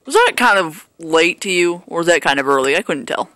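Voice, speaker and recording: A man's voice: a little high, animated, brisk, pushed and bright, no room sound. A man casually commentating his own baseball video game play, rambling and joking at himself with lots of fillers. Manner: rambling, self-mocking, hesitant with fillers. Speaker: gameplay commentator.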